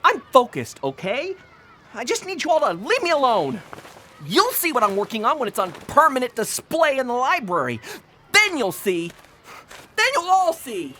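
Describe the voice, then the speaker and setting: A woman voicing a proud, resentful young boy animal who snaps and shouts in a radio drama. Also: sits high, sing-song, normal speed, a little hiss or hum, heavily acted. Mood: defensive. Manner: prickly, resentful, bursts of shouting.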